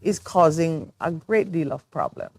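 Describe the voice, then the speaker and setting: A woman's voice: deep voice, very animated, a little slow, vocal fry, breathy edge, no room sound. Earnest woman talk-show host. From Jamaica. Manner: earnest, reflective, explaining at length. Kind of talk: studio talk show discussion.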